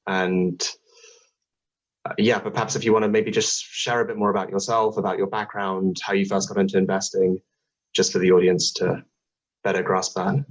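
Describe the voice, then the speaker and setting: A man's voice: deep voice, flat delivery, moderate pace, lo-fi sound. A man moderating a student video call, opening hesitantly with many fillers and restarts.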